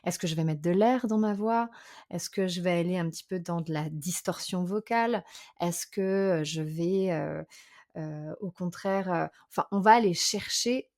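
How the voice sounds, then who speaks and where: A woman vocal coach and singer, speaking as a podcast guest in a thoughtful, explanatory way, often pausing on fillers. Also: fairly low pitch, a little mellow. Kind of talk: conversational interview.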